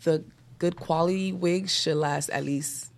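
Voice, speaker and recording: A woman's voice: deep voice, fairly even intonation, unhurried. A woman with a female voice chatting casually as a guest on a talk show. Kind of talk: casual chat.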